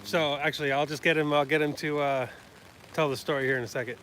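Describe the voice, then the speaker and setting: A man's voice: a little high, fairly even intonation, fast, fairly bright tone, a little hiss or hum. A man narrating a live stream outdoors, informally addressing his viewers in a casual way. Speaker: livestreamer. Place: outdoors at a state capitol protest.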